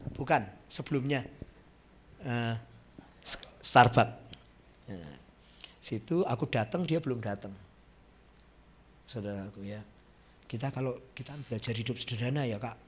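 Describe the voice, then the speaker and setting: Slow, dramatic preacher. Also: male voice, mid-range voice, a little hiss or hum. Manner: storytelling preacher, addresses congregation often; swings from soft to loud emotional peaks. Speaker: pastor. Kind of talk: sermon. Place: church.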